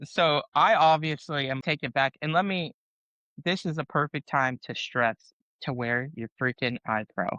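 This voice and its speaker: A man's voice: on the high side, moderate pace, no echo, dull audio. A man, a former soldier, telling a story in casual talk, laughing and swearing as he goes. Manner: laughing, profane, animated storyteller. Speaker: podcast guest, Army veteran.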